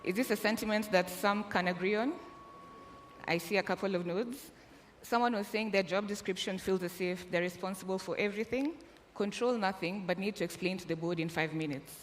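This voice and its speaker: A woman's voice: medium pitch, brisk. A woman from Kenya moderating a live conference panel, friendly and joking as she talks to the audience. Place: large conference hall. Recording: long hall reverb, faint room noise.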